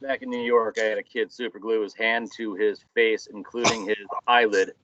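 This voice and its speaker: A man at a workshop, sharing teaching anecdotes in a relaxed chat with small repeats. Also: on the low side, normal speed, lo-fi sound, slight background noise. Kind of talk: casual chat.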